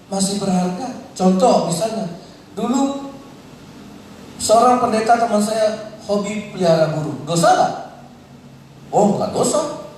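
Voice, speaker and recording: A male pastor preaching a sermon to a congregation, calling out questions and swinging between loud high passages and quiet low asides. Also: slight background noise. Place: church hall. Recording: echoey hall, mic at a distance.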